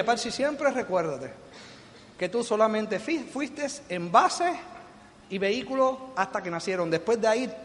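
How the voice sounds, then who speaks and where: A middle-aged Puerto Rican man with a strikingly high voice gives a lively motivational talk, joking with the crowd and acting out the voices he quotes. His words ring out with a long hall reverb. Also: a little hiss or hum. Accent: Puerto Rican Spanish. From Puerto Rico. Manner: animated and joking, acting out quoted voices, asking the audience questions. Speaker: motivational business speaker. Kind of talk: motivational speech to a live audience. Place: large hall before an audience.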